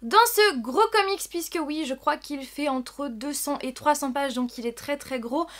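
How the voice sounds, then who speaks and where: A woman's voice: sits high, normal speed, fairly bright tone. A woman presenting upcoming books in a casual vlog, enthusiastic and often repeating words for emphasis. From France. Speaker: book vlogger. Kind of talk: casual book review vlog.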